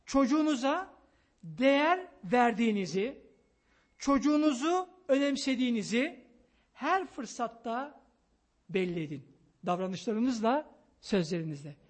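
A man giving an emphatic, excitable sermon on parenting, pleading with his listeners in a loud voice. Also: very high voice, a little slow, pauses often. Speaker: preacher.

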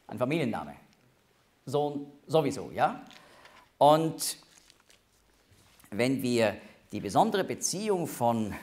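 A man teaching a Bible study, explaining names and passages with emphatic rises. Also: mid-range voice.

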